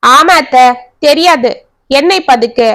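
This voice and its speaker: A woman's voice: sits high, unhurried, fairly bright tone. A woman voicing a curt, defensive young wife who talks back with scorn. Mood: scornful.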